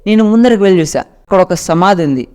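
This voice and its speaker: A man's voice: high voice, expressive, fast, a little mellow, smooth. A man narrating a first-person ghost story in a dramatic storytelling manner.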